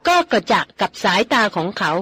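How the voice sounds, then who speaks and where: A woman narrating a novel in an even, measured reading. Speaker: audiobook narrator.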